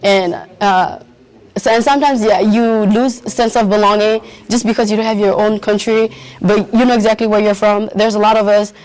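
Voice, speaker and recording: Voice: medium pitch, fairly even intonation, normal speed, darkish tone, poor audio. A young adult, answering interview questions earnestly and searching for words. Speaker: youth interviewee at a community event.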